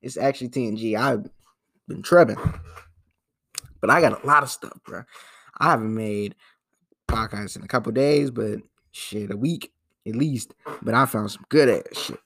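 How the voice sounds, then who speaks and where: Young man, gravelly voice, casual profane podcast rant, rambling with restarts. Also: mid-range voice, normal speed, long pauses, fairly bright tone. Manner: loose, rambling and profane, with frequent restarts and slang. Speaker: podcast host. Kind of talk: casual solo podcast commentary.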